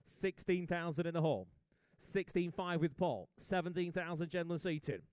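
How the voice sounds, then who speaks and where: A man calling bids as an auctioneer, his voice a touch high, smooth and resonant. He keeps up quick, jokey patter with the room. The sound is dry and close. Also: a little mellow, no room sound. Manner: brisk, jokey rapid bid calling.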